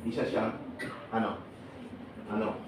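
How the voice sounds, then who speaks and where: A man giving a lively seminar talk to a live audience, joking and asking the listeners questions. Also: on the low side, measured pace, slight background noise. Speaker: seminar speaker for overseas workers. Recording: echoey hall, voice from far off.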